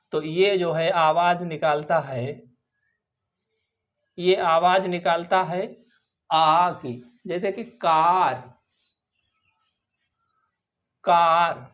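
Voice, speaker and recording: A man teaching English vowel sounds, slowly repeating each example word. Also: sits high, highs cut off. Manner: slow, drawn-out, repeats example words. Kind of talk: phonics lesson.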